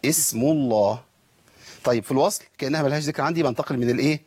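A man's voice: on the high side, fairly even intonation, very fast, breathy edge, dry recording. A man with an Egyptian accent teaching Quran recitation, asking questions and answering them himself. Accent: Egyptian Arabic. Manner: asks and answers his own questions, models pronunciations. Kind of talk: tajweed lesson with recited examples.

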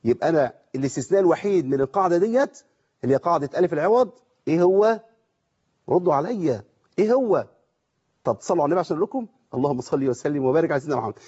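Racing along with lively intonation, this Egyptian-accented man has a slightly high, mellow, somewhat rough voice. He's giving a tajweed lesson with recited examples, asking himself questions and supplying the answers, all on a dull lo-fi recording.

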